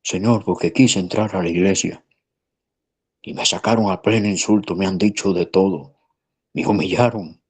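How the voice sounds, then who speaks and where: A man voicing a poor, ragged boy who pleads that he was thrown out and humiliated, in a husky voice. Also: low-pitched, moderate pace. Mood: hurt.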